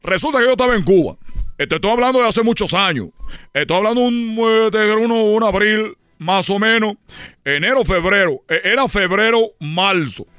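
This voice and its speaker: Radio comedy host, male, slightly high voice, rambling and excitable storyteller. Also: moderate pace, clear, resonant tone, no echo, clean studio sound. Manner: rambling, excitable, stammering story with running jokes.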